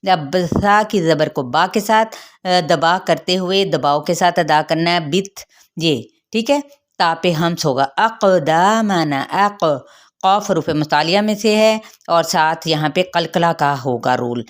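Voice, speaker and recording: A woman with a fairly low voice leads a recitation class. She chants verses in slow, drawn-out phrases, then breaks them down sound by sound, posing questions and answering them in a patient teaching manner. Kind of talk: tajweed lesson with recitation.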